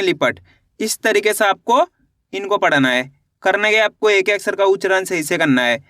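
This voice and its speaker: A man's voice: sits high, pushed and bright, no echo, studio quality. A man teaching beginners to read. He sounds out each syllable, asks how the word is read, then answers it himself. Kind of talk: reading lesson for beginners.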